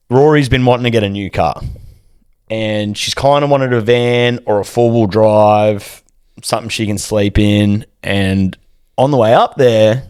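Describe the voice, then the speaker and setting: Young Aussie man, podcast co-host, animated storyteller, dry close sound. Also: fairly low pitch, clean tone, no echo. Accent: Australian. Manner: animated, swearing, acts out quotes in a raised voice. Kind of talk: casual storytelling chat.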